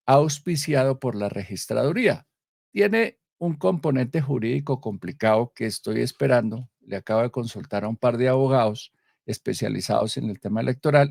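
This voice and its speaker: A man from Colombia hosting a live political commentary show, speaking emphatically with many pauses and self-corrections. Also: mid-range voice, vocal fry, darkish tone, no room sound, studio quality. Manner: emphatic, stresses key words, frequent pauses and self-corrections.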